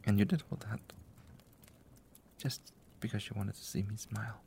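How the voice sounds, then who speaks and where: A man voicing an affectionate, doting male dragon lover in an ASMR roleplay, talking softly and often in a tender whisper. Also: lowish voice, normal speed, gravelly, slight background noise.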